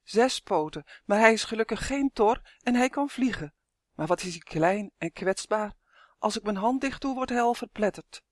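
A reader voicing an anxious young boy who pleads and cries out, going high and loud when upset. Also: animated, normal speed, dry recording, clean studio sound, natural voice. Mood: worried.

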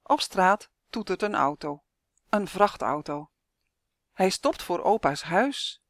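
A woman author reading her own children's storybook aloud, clear and expressive. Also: fairly low pitch, slow pace, no echo, studio quality. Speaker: author and narrator.

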